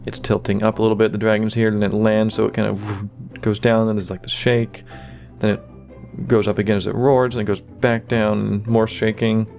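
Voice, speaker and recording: Low, flat-voiced man narrating animation. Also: moderate pace, gravelly, hardly any pauses, soft background music. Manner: relaxed, many fillers like "you know" and "kinda". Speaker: animator giving commentary. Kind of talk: casual behind-the-scenes commentary.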